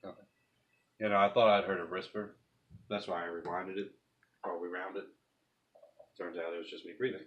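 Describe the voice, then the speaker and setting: A man leading a paranormal session, speaking casually and haltingly as he puts questions to a spirit. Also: deep voice, little pitch movement, a bit bright.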